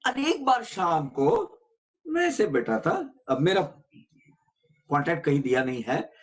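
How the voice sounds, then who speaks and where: A man's voice: a little high, big pitch swings, a little slow. A man giving an earnest devotional discourse, explaining scripture and telling stories, mixing in English phrases.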